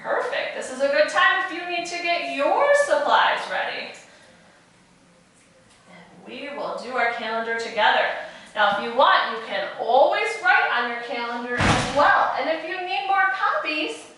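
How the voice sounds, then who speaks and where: Slow bright lady doing kindergarten teacher voice, encouraging little kids, recorded kinda far off in a really echoey room. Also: high voice, very animated. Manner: kindergarten teacher voice, simple phrases addressed to young children; encouraging, with frequent praise and prompts. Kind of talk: virtual lesson for young children. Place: echoey indoor room, away from mic. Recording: very echoey room, distant mic.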